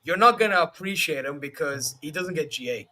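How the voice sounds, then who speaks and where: Man, higher pitch, hedging, casual debate. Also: animated, fairly quick, sharp tone. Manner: hedging, builds points with "but" and "to be fair". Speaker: stream panelist.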